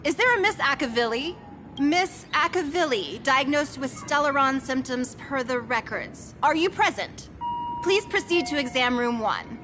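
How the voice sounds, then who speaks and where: Game hospital announcer over the PA: high, formal, measured. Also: female voice, expressive, music in the background. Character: brisk female hospital announcer calling patients. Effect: over a PA system. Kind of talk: game voice acting.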